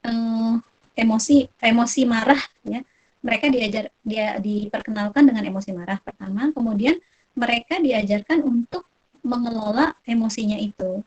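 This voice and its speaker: Mellow-voiced woman on a dull call. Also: a little high. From Indonesia. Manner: relaxed, frequent fillers and soft laughs. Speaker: webinar speaker answering parents' questions. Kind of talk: live webinar Q&A on child development. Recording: dull lo-fi online call audio.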